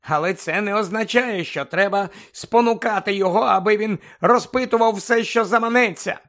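A man voicing a calm, measured father. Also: high voice, voice pushed up. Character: calm, careful middle-aged father.

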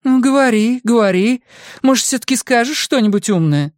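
A man reading an audiobook voices a furious, heartbroken woman who screams insults in a shrill high voice. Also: normal speed, darkish tone, no echo, studio quality. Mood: scornful. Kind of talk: audiobook dialogue.

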